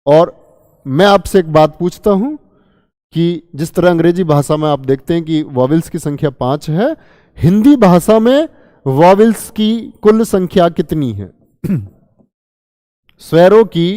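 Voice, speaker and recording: A man's voice: sits high, darkish tone, dry recording, clean studio sound, long reverb tail. A male teacher giving an exam-prep grammar lesson, asking his students questions and then answering them himself. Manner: calls listeners children. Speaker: Hindi teacher.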